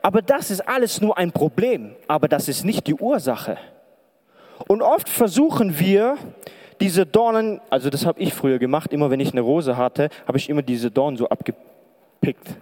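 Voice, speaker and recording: On a lit stage in a large hall, a man who works as a preacher and pastoral counselor gives a sermon to an audience, keeping it conversational while peppering them with questions. His warm voice is a touch higher than the average man's, and the hall wraps it in a long reverb.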